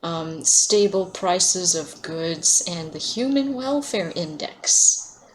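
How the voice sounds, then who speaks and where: A woman's voice: on the low side, lively intonation, takes it slowly, a little hiss or hum. A woman streaming a video game, chatting casually, laughing often and answering her chat by name. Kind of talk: casual livestream chat while playing.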